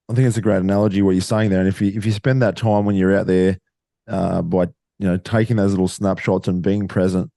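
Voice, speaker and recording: A man hosting a podcast, replying in a halting, casual way with many restarts. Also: fairly low pitch, dark tone, no room sound. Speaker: podcast host. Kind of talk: casual chat.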